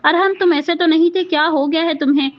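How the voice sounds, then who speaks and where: A woman's voice: extremely high pitch, fairly even intonation, fairly quick, lo-fi sound. Woman reading as a stern commanding father. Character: stern authoritative father, older man.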